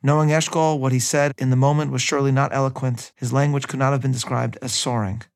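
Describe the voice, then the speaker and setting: A man narrating a scripted history episode at a measured reading pace, adding his own opinions. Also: mid-range voice, flat delivery. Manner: measured reading with personal asides. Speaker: history podcast host.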